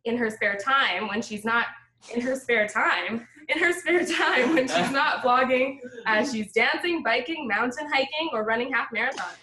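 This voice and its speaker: A woman's voice: a little high, moderate pace, recorded from a distance, crowd noise. A woman hosting a conference, reading a speaker's bio aloud, stumbling on a few words. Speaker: conference host. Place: lounge full of seated students. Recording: roomy sound.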